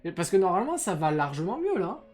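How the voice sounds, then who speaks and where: Very animated and fast-talking, a young man chats on a live stream in a high, darkish voice while soft music plays behind him. He rambles with plenty of hesitations and crude slang into a filtered desk microphone.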